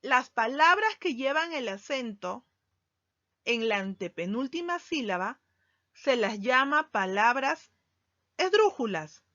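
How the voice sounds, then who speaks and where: Woman teacher, slow deliberate lesson delivery, lo-fi sound. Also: on the high side, animated, pushed and bright, dry recording. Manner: slow, deliberate, stresses key words. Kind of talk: recorded grammar lesson. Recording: dull lo-fi sound, dry.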